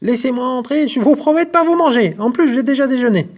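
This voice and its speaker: Male reader as a loud, high, shivering storybook wolf. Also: very animated, brisk. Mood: pleading. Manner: howling, teeth chattering.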